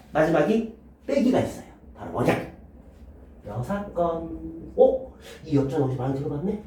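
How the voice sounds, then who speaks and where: Animated male math teacher in echoey room. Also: a little high, distant mic, slight background noise. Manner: lively, quizzing students with rhetorical questions. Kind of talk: classroom lecture.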